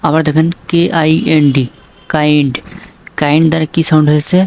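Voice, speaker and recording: A man with a slightly high, darkish voice and a level tone teaches English spelling and pronunciation, spelling each word slowly letter by letter. He then asks what the word means and answers his own question, over slight background noise.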